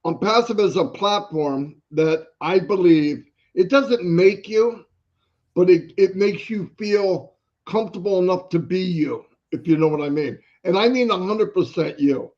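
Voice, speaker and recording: A man co-hosting a livestream in a casual, motivational way, his pitch high for a man. He talks emphatically and keeps repeating his key points. The stream audio sounds dull and lo-fi. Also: a little slow, a little mellow. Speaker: livestream co-host.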